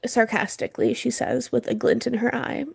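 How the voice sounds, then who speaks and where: A woman's voice: fairly high pitch, level tone, normal speed, creaky, breathy edge, no room sound, studio quality. A woman co-hosting a podcast in casual chat, chatty and laughing often, her throat irritated from smoke. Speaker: podcast co-host.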